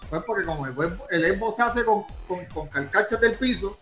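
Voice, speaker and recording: A man's voice: sits high, lively intonation, moderate pace, fairly bright tone. A man with a Puerto Rican accent in a casual podcast debate, argumentative and insistent, often repeating himself. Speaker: podcast panelist. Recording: roomy echo, music behind.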